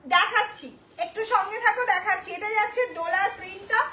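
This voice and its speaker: A woman runs a live sari sale, her very high voice bright and insistent. She circles back to prices, coaxing viewers to book fast. The room is echoey, with a faint hiss underneath. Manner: repetitive, urgent, coaxing buyers; mixes in Hindi and English phrases. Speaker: saree seller hosting a live sale. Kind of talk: live-stream sales pitch.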